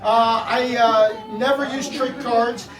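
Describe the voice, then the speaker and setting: A man's voice: extremely high pitch, fairly even intonation, slow, crowd noise. A man performing as a birthday party magician, with joking, teasing patter aimed at his volunteers. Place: indoor party room with guests. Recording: echoey room, distant mic, noisy audience. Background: guests laughing and reacting.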